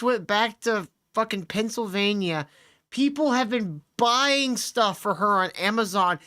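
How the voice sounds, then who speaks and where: Woman co-host, crude joking banter, mid pitch. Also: a bit bright. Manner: crude, joking, swears freely. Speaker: podcast co-host. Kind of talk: casual comedic banter.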